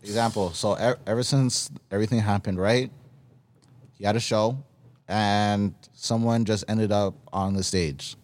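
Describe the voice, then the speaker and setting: Laid-back low-voiced man in casual chat. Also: fairly even intonation, unhurried, darkish tone. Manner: laid-back, many fillers and restarts. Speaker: podcast co-host.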